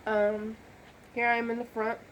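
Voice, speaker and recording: Woman rambling thru a casual vlog update at home, lotsa ums, voice a bit on the high side. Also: completely flat delivery, normal speed, highs cut off, slight background noise. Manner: chatty, rambling, lots of fillers and asides. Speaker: vlogger. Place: at home near a bedroom.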